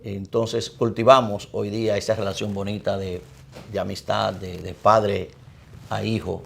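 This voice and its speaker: A middle-aged priest with a Dominican Spanish accent, speaking in a low voice with a gravelly, fry-laden edge. He talks through his life in a measured, reflective way, as a guest in an interview. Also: level tone. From Dominican Republic.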